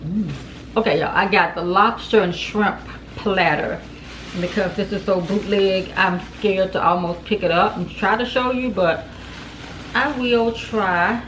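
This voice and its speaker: Woman food vlogger, casual and animated, slightly breathless, faint room noise. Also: medium pitch, moderate pace, low-quality recording. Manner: chatty, animated, talks straight to viewers as "y'all". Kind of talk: casual mukbang chat to camera. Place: home.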